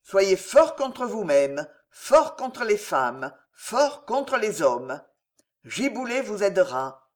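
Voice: medium pitch, sing-song, takes it slowly. A reader voicing a stern old soldier father. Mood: solemn. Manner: grave, lecturing. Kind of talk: audiobook character reading.

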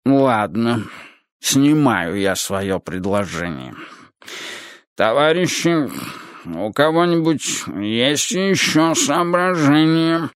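A man voicing an elderly male Soviet leader who chairs a meeting in a slow, tired drawl, in an audiobook reading. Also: medium pitch, expressive, clean tone, no echo, clean studio sound, voice pushed up. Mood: weary drawl.

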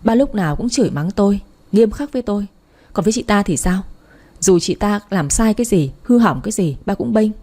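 A woman's voice: medium pitch, animated, a little fast, mellow, breathy edge. A woman reading an audiobook, voicing a spiteful, hysterical young woman hurling bitter accusations.

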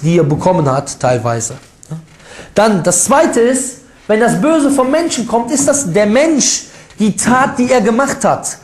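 A man preaching in a loose, conversational lecture, his voice sitting high for a man. He talks emphatically and colloquially, pressing his points with rhetorical questions and mocking asides. The sound carries a noticeable room echo. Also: darkish tone. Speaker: Islamic preacher. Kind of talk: informal religious lecture.

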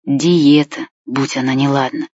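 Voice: medium pitch, steady tone, measured pace, a little mellow, dry recording, muffled recording. A reader doing a weary sighing old grandpa.

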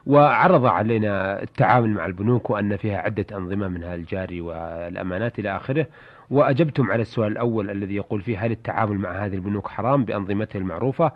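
A man's voice: on the low side, rapid-fire. A man hosting a radio programme, courteously reading out listeners' questions in formal Standard Arabic. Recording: dull lo-fi radio recording.

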